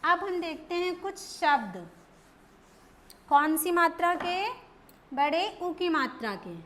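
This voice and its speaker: A woman teaching young children Hindi letter sounds, stretching out each word slowly so they can repeat it. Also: very high voice, very animated, sharp tone. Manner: slow, drawn-out syllables for children to repeat. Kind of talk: children's Hindi phonics lesson.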